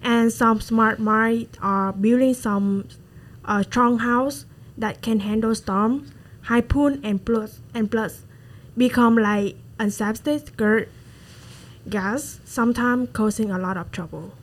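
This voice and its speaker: A woman's voice: a little high, fairly even intonation, takes it slowly, low-quality recording. A woman from Vietnam with a Vietnamese accent, talking in a student discussion and searching for words in plain, chatty phrases. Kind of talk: student discussion role-play.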